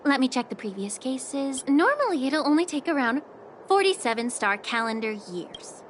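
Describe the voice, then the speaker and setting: A woman playing a poised, slyly sarcastic head healer in a video game, speaking politely with cool, unhurried teasing. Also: sits high, big pitch swings, a little hiss or hum. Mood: coolly official.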